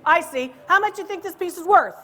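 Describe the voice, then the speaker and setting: A woman who appraises antiques and hosts a comedy show, teasing and ribbing her audience loudly and playfully on a live stage. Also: very high voice, animated, fast talker. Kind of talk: live stand-up style crowd banter.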